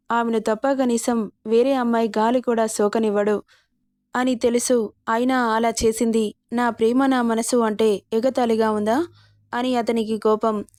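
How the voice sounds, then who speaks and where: A woman narrating a serialized romance story in a steady reading voice. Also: fairly high pitch, no room sound, studio quality.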